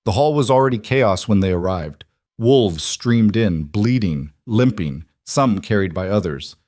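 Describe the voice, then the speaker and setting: Low-voiced man narrating a story. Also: unhurried, no room sound, studio quality. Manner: even, dramatic storytelling.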